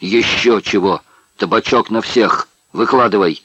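Male reader doing a croaking, pushy prisoner, loud and raised, dry close sound. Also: lowish voice, measured pace, no room sound, lo-fi sound, heavily acted. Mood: demanding. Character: rough demanding male camp prisoner.

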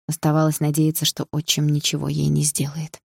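An audiobook narrator reading scripted prose in a steady, gravelly voice. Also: mid-range voice, a little fast, no echo, studio quality.

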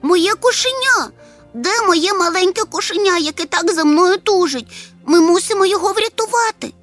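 A fretful little critter boy, high and whiny, pitch jumping all over the place, like a storybook read aloud by a woman putting him on. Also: animated, moderate pace, a bit bright, faint music behind. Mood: pleading. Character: small anxious male creature, fretful and pleading. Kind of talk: audiobook character voice.

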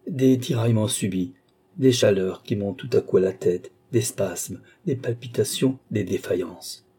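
A man voicing a modest, ailing young woman who answers softly and with restraint. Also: on the low side, normal speed, slightly rough. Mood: reserved, troubled.

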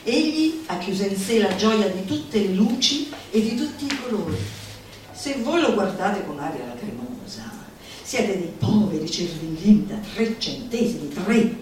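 Heard from a distance in a very echoey room with background music, a woman recites a satirical manifesto as a literary monologue, theatrically and mockingly, drawing out words for emphasis. Her medium-pitched voice is animated, unhurried and somewhat dark in tone, with slight background noise.

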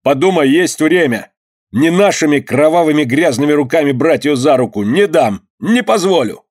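A man reading a story aloud and voicing a fierce, impassioned outlaw in a raised, forceful voice. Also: mid-range voice, animated, normal speed, voice pushed up. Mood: defiant. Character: fierce male outlaw, loyal but defiant.

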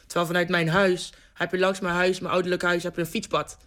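A young woman, telling a personal story in a radio interview with vivid, animated delivery and frequent restarts. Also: lowish voice, fast. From Netherlands, North Brabant. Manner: lively, vivid storyteller who restarts sentences and acts out scenes.

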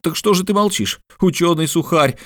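Male reader voicing an excitable adventurer, raised pitch, dry close sound, exclaiming. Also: brisk, no room sound, close to an everyday voice. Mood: excited. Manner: animated, exclaiming. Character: excitable curious adventurer man, lively and joking.

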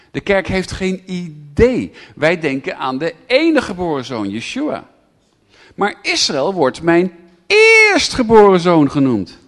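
Impassioned man preaching in echoing hall. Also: on the high side. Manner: impassioned, swells to near shouts on scripture; addresses audience directly. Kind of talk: sermon. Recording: reverberant hall recording.

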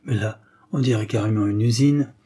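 A man's voice: fairly low pitch, normal speed, warm tone, breathy edge. A man doing a big clumsy slangy guy. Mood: joking. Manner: slangy, sheepish. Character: big wary clumsy young man, joking nervously.

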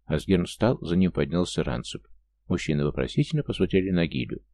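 A man reading a fantasy audiobook as narrator, with a steady storytelling delivery on a close mic. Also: sits low, fairly quick, gravelly. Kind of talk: scripted narration.

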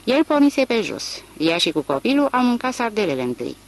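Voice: mid-range voice, very animated, pitched above the performer's own voice, poor audio. An audiobook reader voicing a farmer man who gossips in a matter-of-fact way.

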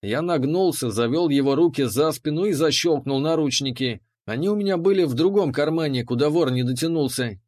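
A man narrating an audiobook in the first person, measured and dryly ironic. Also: a little high, a little mellow.

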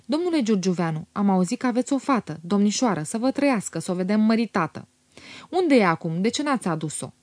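A woman's voice: medium pitch, animated, darkish tone, no room sound, natural voice. A woman reading a plump, placid older lady who talks in a politely naive way.

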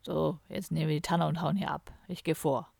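A woman voicing a gruff, grumpy young man who drinks heavily, in a curt, muttering audiobook character voice. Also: sits low, little pitch movement, fairly quick, darkish tone, dry recording, pitched below the performer's own voice, full character voice. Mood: grumbling.

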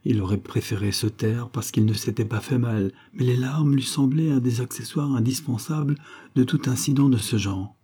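Dark, husky male audiobook narrator. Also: mid-range voice, moderate pace. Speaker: audiobook reader. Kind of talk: scripted literary narration.

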